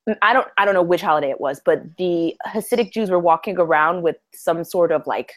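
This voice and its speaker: A woman co-hosting a podcast, telling stories in casual chat, animated and laughing as she tells them. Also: on the low side, a little fast. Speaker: podcast co-host.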